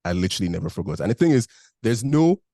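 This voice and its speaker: With a lowish, mellow, sing-song voice, this young Nigerian guest talks fast as he candidly recounts his story in a casual interview. His accent blends Nigerian, British and Canadian, and "like" shows up constantly. The recording is dry and clean, studio quality.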